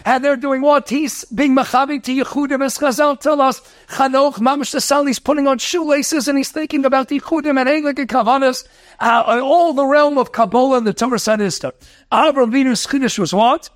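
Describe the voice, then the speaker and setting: A rabbi lecturing on Torah, talking quickly, mixing in Hebrew and Yiddish terms, asking rhetorical questions and telling stories. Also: male voice, extremely high pitch, steady tone, no echo, studio quality. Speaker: rabbi teaching a Torah class.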